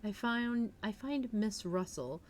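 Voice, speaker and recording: Hosting a livestream, a woman speaks slowly and animatedly in a mid-range voice. She chats casually, then reads a story aloud like an audiobook, staying giggly and chatty.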